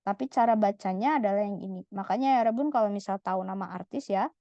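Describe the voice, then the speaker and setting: A woman's voice: medium pitch, fast, no echo. A woman teaching Korean letters in a patient, step-by-step way, sounding out each syllable and repeating it. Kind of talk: slow step-by-step lesson. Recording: slightly dull lo-fi audio.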